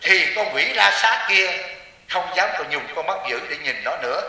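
A man's voice: fairly high pitch, animated, moderate pace, sharp tone, far from the mic. A man preaching as a Buddhist monk to lay followers, joking and often asking the audience rhetorical questions. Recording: echoey hall with long reverb.

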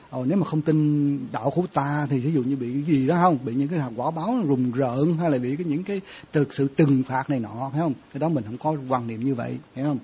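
A man's voice: a little high, warm tone, slightly rough. A man, a Buddhist monk giving a conversational dharma talk and often quizzing his listeners. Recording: dull lo-fi sound.

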